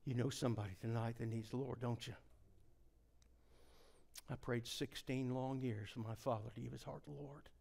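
A middle-aged man preaching a revival sermon, telling folksy stories and swinging from hushed near-whispers to shouted climaxes. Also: medium pitch, steady tone, normal speed, creaky, pauses often.

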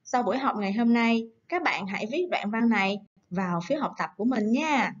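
A woman teacher giving a recorded lesson to young children, coaxing and gentle, slowing down to read words aloud. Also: a little high, lively intonation, muffled recording. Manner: gentle, coaxing, slow syllable-by-syllable dictation. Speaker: primary school teacher.

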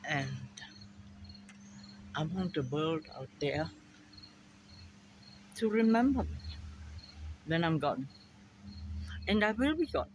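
An older woman with a German accent, a vlogger, muses slowly about memory and family in a rambling monologue, drifting between thoughts. She stands by a fence in her backyard, holding a phone camera at arm's length while crickets and insects sound around her. Her voice is low-pitched with big swings in pitch, and there is background noise.

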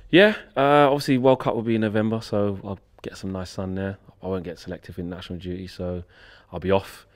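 A man's voice: deep voice, a little fast, pitched below the performer's own voice, close to an everyday voice. A man playing a bored, checked-out male footballer who mumbles through an interview. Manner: flat, indifferent, mumbling.

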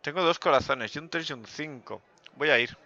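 Man, poker gameplay commentary, self-mocking, gravelly voice, slightly muffled recording. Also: a little high, brisk. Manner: joking, self-mocking, bursts of loud excitement. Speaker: gaming youtuber.

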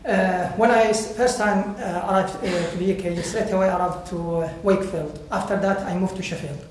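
This high-pitched man from Iraq, a guest speaker and volunteer, delivers personal testimony in halting non-native English with an Iraqi Arabic accent, his intonation fairly even. He stands at a lectern before a seated audience in a bright indoor hall. The room is very echoey, and faint background noise can be heard.

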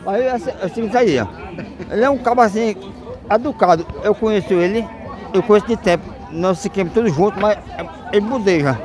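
A man stumbles through a short chat at an open-air market, repeating his words. His voice sits fairly high. A loud crowd surrounds him. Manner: halting, repeats himself. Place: outdoor street market.

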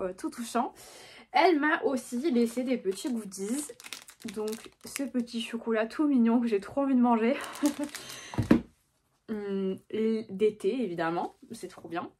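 A woman's voice: a little high, animated, moderate pace, a little mellow, slight background noise. A young woman chatting casually about her book purchases, hesitant and full of fillers. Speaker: book vlogger. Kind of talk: casual book haul chat.

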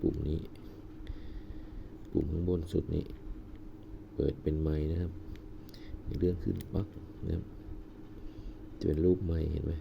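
A man casually reviewing a gadget, talking haltingly as he presses buttons and explains each one. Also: extremely low pitch, gravelly. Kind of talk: casual hands-on product demo. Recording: dull lo-fi audio with steady background noise.

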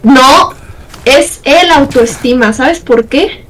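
High-voiced Mexican woman giving directions. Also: slow pace, fairly bright tone, slight background noise. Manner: bossy, teasing, directs the player. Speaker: co-streamer. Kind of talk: casual chat while watching a game.

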